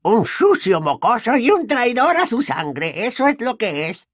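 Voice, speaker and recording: A man's voice: extremely high pitch, very animated, measured pace, no room sound, studio quality, pitched above the performer's own voice, heavily acted. A man voicing a bitter, servile old male house-elf who mutters spitefully under his breath in an audiobook. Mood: muttering, spiteful. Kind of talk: audiobook character voice.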